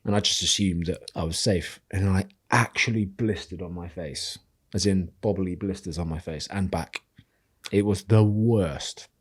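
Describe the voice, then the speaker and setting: Teasing man with a low voice. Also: measured pace, slightly rough. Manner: teasing, banter-heavy. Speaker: podcast co-host. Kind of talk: casual chat.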